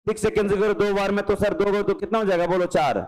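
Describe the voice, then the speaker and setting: A male math teacher giving an exam-prep lecture, brisk and coaxing, often acting out his students' questions and answering them. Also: high-pitched, steady tone, darkish tone, poor audio.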